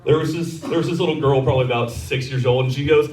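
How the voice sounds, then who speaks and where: A man's voice: medium pitch, steady tone, quick pace, darkish tone, slight background noise. A man doing a crude, self-mocking stand-up set on a comedy club stage. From Texas. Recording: roomy club sound from a distance.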